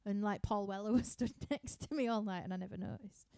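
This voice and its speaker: A woman's voice: medium pitch, fast, mellow, clear, resonant tone, no echo. Woman, Yorkshire accent, young adult, casual live-stream chat, rambling, laughing, dry close sound. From Yorkshire, England. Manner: chatty, laughing, rambling with fillers. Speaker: musician hosting a live stream Q&A. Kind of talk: casual chat reading viewer questions. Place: living room at home.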